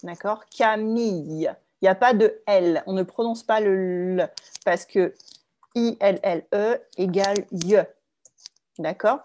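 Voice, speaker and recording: A woman teaching French in an online lesson, speaking clearly and slowly, often checking in with her students. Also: mid-range voice, darkish tone. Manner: clear, slow, checks with "d'accord?".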